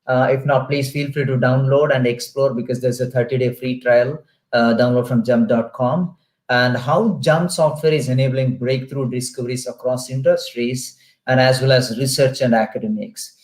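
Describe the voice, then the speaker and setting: Indian man lecturing in a roomy echo. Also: medium pitch. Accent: Indian English. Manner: steady explanatory, frequent "uh" fillers. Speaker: guest lecturer. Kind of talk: online webinar lecture. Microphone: video call.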